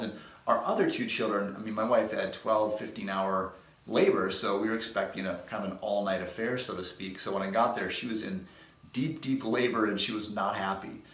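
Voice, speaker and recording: A man's voice: on the low side, a bit bright, roomy sound. A chiropractor in his thirties casually telling rambling personal anecdotes to his patients. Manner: folksy, rambling anecdotes with restarts. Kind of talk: casual storytelling to camera.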